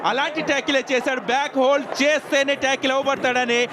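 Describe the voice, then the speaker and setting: Excited Telugu-accented man, quick emphatic sports commentary, loud arena crowd and noise. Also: very high voice. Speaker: kabaddi commentator. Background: noisy sports arena crowd.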